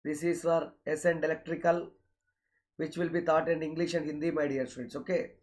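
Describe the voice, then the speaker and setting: A man's voice: fairly high pitch, flat delivery, fairly quick, a little mellow. A man with a South Indian accent speaking as an online coaching teacher, announcing courses and schedules and repeatedly addressing his students. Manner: repetitive, often addresses students directly with filler okays.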